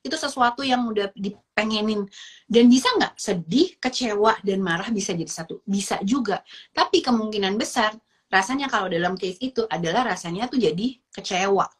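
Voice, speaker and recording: A woman's voice: mid-range voice, fairly quick, slightly rough. A woman explaining child emotions in a chatty, casual way, mixing in English words. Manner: lively, acts out little dialogues in shifting voices. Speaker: parenting educator.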